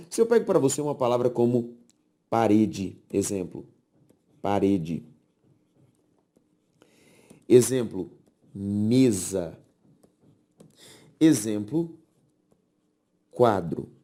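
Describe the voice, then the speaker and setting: Animated Brazilian grammar teacher lecturing. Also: male voice, lowish voice. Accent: Brazilian Portuguese. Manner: explains slowly, repeats key words, checks understanding often. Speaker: Portuguese grammar teacher for exam prep. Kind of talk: classroom lecture.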